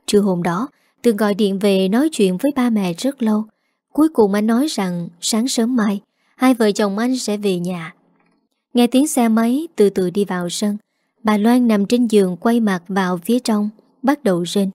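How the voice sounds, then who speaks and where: A woman narrating an audio story in a calm, even reading voice. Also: medium pitch, normal speed, no echo, studio quality.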